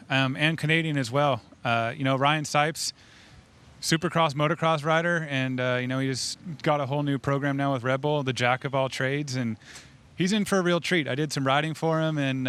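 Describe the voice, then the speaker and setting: A man answering interview questions as a guest rider in a relaxed, filler-heavy way. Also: mid-range voice, clean tone.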